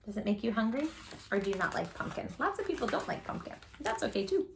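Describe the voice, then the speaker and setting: This storytime reader and host talks fast in a fairly high, creaky voice, with a little hiss or hum on the recording. She reads a picture book aloud expressively and banters playfully with young listeners, speaking right to them with animation.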